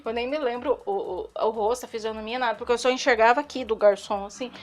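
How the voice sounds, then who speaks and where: A Brazilian woman vlogger telling a personal story with a Brazilian Portuguese accent, animated, laughing often and swinging her pitch dramatically. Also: quick pace. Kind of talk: confessional storytelling.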